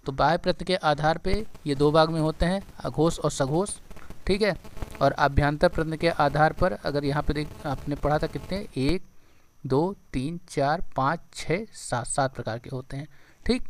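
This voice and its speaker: A male teacher giving an exam-prep grammar lesson, sounding out syllables one by one and repeating key points back as questions to his students. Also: on the high side. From India.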